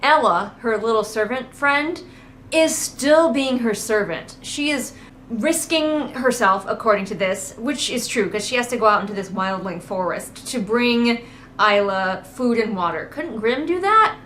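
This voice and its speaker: Unhurried yet lively in intonation, a woman with a fairly high, bright voice hosts a book readalong as a critic. She's casual and sarcastic, mocking with exasperation and acting out quotes, while ambient noise and a sometimes-passing train sit in the background.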